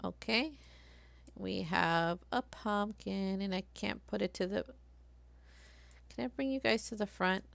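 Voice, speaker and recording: A woman live-streaming a craft software tutorial, chatty and thinking aloud as she works. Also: mid-range voice, measured pace, vocal fry, pauses often, no room sound.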